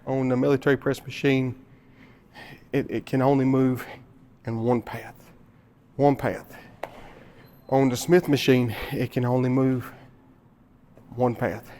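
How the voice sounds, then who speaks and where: A man's voice: medium pitch, steady tone, unhurried, long pauses, dark tone, a little hiss or hum. Man, gym vlogger, out of breath, repeats key points, mid-range voice, camera mic in a gym. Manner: explains with repetition, grunting effort between sets. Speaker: fitness vlogger. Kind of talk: casual gym explanation.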